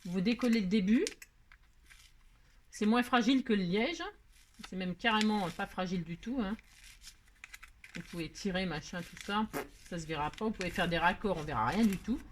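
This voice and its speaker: A woman's voice: mid-range voice, moderate pace, long pauses, slight background noise. A middle-aged woman hosting a crafting tutorial, chatting, rambling and joking at herself as she works. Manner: rambling, self-mocking, talks to herself while working.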